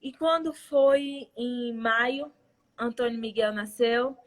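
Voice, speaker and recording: Woman, Brazilian Portuguese accent, high voice, emotional testimony, halting with restarts, young adult. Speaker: missionary speaker. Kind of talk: testimony talk at a church live event.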